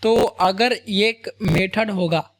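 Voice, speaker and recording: A man's voice: high voice, slow. A man teaching a programming lesson in a casual, conversational way, often checking in with his viewers with "right?" and "boss?". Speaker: programming tutor. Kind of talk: screen-recorded coding lecture.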